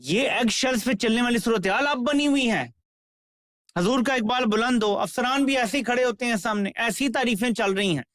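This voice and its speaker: A man delivers political commentary with a sarcastic edge. His voice is high for a man, and the recording sounds dry and close. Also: normal speed, fairly bright tone, no echo.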